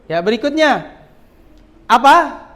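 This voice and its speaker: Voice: mid-range voice, expressive, slow pace, a bit bright. A teacher giving a classroom lesson to children, often stopping to quiz the pupils and adding a questioning "ya". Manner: quizzes pupils often, with frequent tag "ya".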